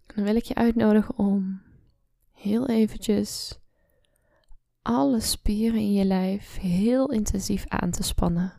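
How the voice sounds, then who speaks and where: Slow whispering woman guiding meditation. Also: medium pitch, steady tone, creaky, dry recording, clean studio sound. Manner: slow soft-spoken, often whispering. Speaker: meditation guide. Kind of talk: guided relaxation meditation.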